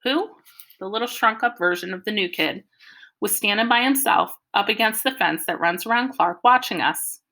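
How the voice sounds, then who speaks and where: A woman narrating a first-person audiobook in a lively, expressive storytelling manner. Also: medium pitch, moderate pace.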